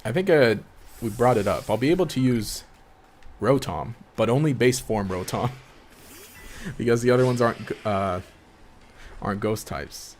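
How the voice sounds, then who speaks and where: Man, live game stream, mid-pitched voice, rambling and chatty, faint background hiss. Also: normal speed, long pauses. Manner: rambling, chatty, laughs often, trails off mid-sentence. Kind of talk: casual live-stream commentary.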